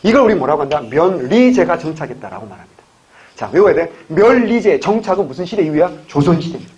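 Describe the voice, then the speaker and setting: A man's voice: a little high, sing-song, quick pace, darkish tone. A man from the Gyeongsang region teaching an exam-prep history lecture, constantly asking questions and answering them himself. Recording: dull lo-fi recording, faint hiss.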